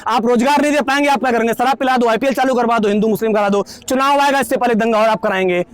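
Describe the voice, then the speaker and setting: Fiery high-voiced man at a protest. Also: rapid-fire, no echo. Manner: fiery, rhetorical, leads chants. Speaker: protest speaker. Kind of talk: impassioned protest speech. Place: outdoor protest rally.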